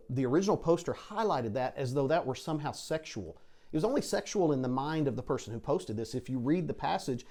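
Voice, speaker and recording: A man's voice: medium pitch, a little mellow. A middle-aged man answering in an interview as a school superintendent, blunt, emphatic and defiant.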